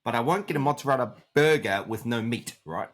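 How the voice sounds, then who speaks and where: A man talking on a podcast at an ordinary middle pitch. He speaks in a relaxed, slightly halting way. His humor is dry and sarcastic. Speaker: podcast co-host. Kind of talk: casual chat.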